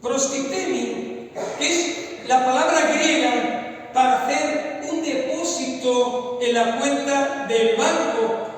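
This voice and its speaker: A male pastor preaching a sermon, stressing his points by repeating phrases. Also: extremely high pitch. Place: church hall, echoey. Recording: echoey church hall from far off.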